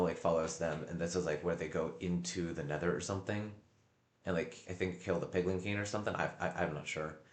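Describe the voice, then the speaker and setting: A man livestreaming casual, rambling commentary, halting and often repeating himself as he searches for words. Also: deep voice. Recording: echoey room.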